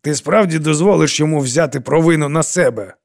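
Guy voicing an older lady, firm and even, slightly raised voice, audiobook. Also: fairly high pitch, vocal fry, no room sound, clean studio sound, voice pushed up. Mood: stern, exasperated. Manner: measured, firm, stern. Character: older woman, small arthritic hands, firm and measured. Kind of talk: audiobook character voice.

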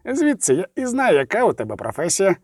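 A gruff, sardonic dwarf who mocks and swears, his voice pitched high and leaping around, as a male reader puts him on. The tone stays mellow and dark. It is heard dry and close, as in a booth. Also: huge pitch swings, fairly quick, no room sound, heavily acted. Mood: sly. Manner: mocking, swears freely. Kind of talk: audiobook reading.

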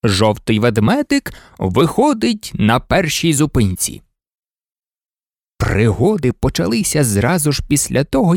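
A narrator reading a children's storybook aloud with an expressive delivery. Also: mid-range voice, gravelly, no room sound, studio quality. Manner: expressive, animated. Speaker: audiobook narrator.

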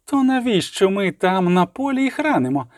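A man's voice: sits high, big pitch swings, normal speed, darkish tone, dry recording, clean studio sound, pitched above the performer's own voice. A man voicing a cold, cruel elf warrior in a storybook reading, drawling his words menacingly. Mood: sneering.

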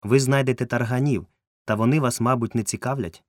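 A man's voice: mid-range voice, a little fast, no room sound, voice pushed up, natural voice. A man voicing a good-humoured ship captain with a dry, wry wit, recorded close and dry. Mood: wry, amused. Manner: wry, joking, calm.

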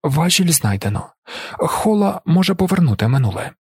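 A cunning male shapeshifter villain, as an audiobook reader puts him on, gloating and silky as he threatens. His voice sits a touch high and husky, close and dry, every bargain laced with menace. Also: big pitch swings, normal speed, a little mellow, dry recording, exaggerated voice. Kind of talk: audiobook character voice.

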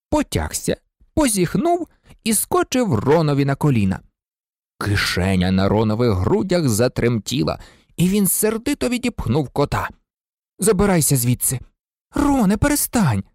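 An audiobook narrator reading a story aloud in an expressive, lively storytelling manner. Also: medium pitch, normal speed, no echo, studio quality.

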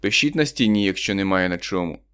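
A man's voice: low-pitched, lively intonation, fast, fairly bright tone, clear, resonant tone. A man reading an audiobook, voicing a desperate poor husband, tense and pleading.

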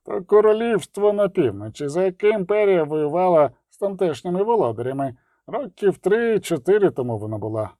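Man reading as a boastful young outlaw, know-it-all, slightly high, storybook. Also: lively intonation, brisk, dark tone, no echo.

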